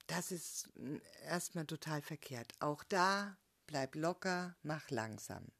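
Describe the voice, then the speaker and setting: Slow, gentle woman coaching softly. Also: medium pitch. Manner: gentle, unhurried, often checks in with a questioning "ja?"; frequent hesitations and soft trailing endings. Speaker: personal development coach. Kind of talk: calm motivational teaching talk.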